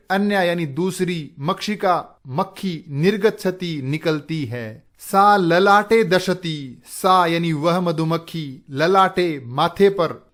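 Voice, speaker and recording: Slow, high-voiced man teaching Sanskrit. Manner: slow, deliberate glossing of each word. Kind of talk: Sanskrit lesson with word-by-word Hindi explanation.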